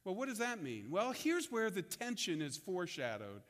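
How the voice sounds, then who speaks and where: A man's voice: high voice, huge pitch swings, normal speed, fairly bright tone, in a large hall. A man preaching a sermon as a pastor, in a conversational way, often repeating words as he restarts his sentences.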